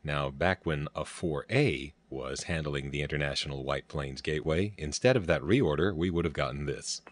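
Man, extremely low voice, explanatory narrator, technical and precise manner. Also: moderate pace, no echo, clean studio sound. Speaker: narrator of telephone history recordings.

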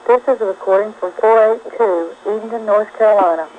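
A woman speaking in a measured, formal announcer voice on a recorded phone company intercept message. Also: mid-range voice. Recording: tinny phone line with faint noise.

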